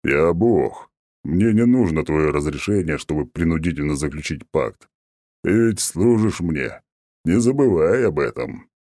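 A haughty ancient oak god speaks in a rumbling, extremely deep and dark voice, as a male narrator puts him on. He talks down with mocking condescension. The sound is dry and close. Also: moderate pace, no room sound. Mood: smug, haughty.

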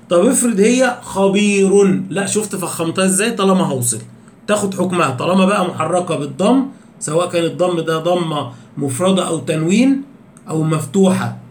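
A high-pitched man with an Egyptian Arabic accent gives a tajweed lecture. He keeps asking his students questions and drags out each recited example. The sound is echoey, with a faint hum behind him. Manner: explains rules with repeated questions, slows down to recite examples. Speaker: Quran recitation teacher. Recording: echoey room with faint background noise.

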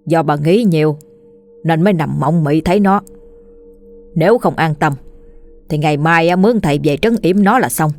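A woman doing a gruff dismissive old husband. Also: low-pitched, normal speed, pauses often, a little mellow, faint music behind. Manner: brusque, dismissive.

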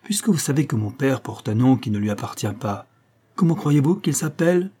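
A man's voice: mid-range voice, lively intonation, brisk, dark tone, breathy edge. A man reading an audiobook, voicing a pure, indignant young noble woman in a raised, fervent voice. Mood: defiant. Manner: pleading then fiercely indignant.

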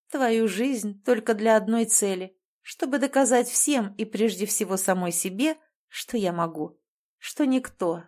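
A woman voicing a cold, manipulative older sister who speaks calmly and condescendingly. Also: medium pitch, natural voice. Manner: calm, icy, condescending.

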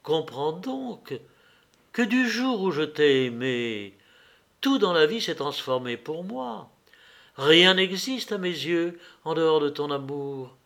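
A man's voice: fairly high pitch, sing-song, slow pace, creaky, a bit bright, full character voice. A man reading the part of an anguished, proud woman torn by love, his voice trembling and pleading.

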